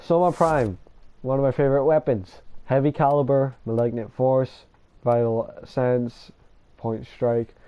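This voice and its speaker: A man's voice: medium pitch, steady tone, unhurried, warm tone, clean tone. A man casually commenting over a video game, rambling and self-deprecating as he talks to viewers. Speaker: gamer showing his builds.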